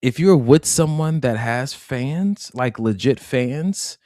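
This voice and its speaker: Guy on a relationship podcast, thoughtful and slow on the key bits, dry close mic. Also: medium pitch, lively intonation, dark tone, no echo. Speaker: podcast co-host. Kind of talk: casual podcast conversation about relationships.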